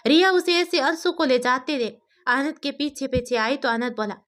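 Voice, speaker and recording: A woman narrating a family story in a steady storytelling manner. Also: high voice, normal speed.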